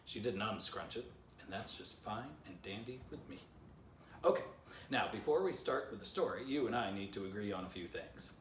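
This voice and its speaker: A man in his fifties reads his own children's book aloud by the fireplace in his living room, tossing playful, chatty asides to young listeners. His lowish voice is expressive and moves at a moderate pace. The camera sits a few feet away, so the home recording sounds roomy and slightly distant, with a little hiss or hum.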